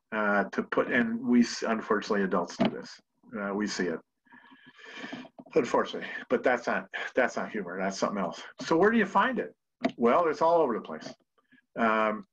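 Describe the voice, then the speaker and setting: A chatty man giving a relaxed talk to a group, stumbling through restarts and fillers as he goes. His voice is bright but raspy. The recording sounds dull and lo-fi. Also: mid-range voice. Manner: chatty, self-deprecating, with many fillers and restarts. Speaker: presenter. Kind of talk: casual presentation talk. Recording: dull lo-fi audio.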